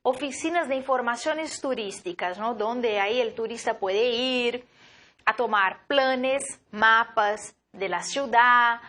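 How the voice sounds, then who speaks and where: Woman teaching vocab, high voice, takes it slow, mixes two languages. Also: pushed and bright. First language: Portuguese. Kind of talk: slide-based vocabulary lesson.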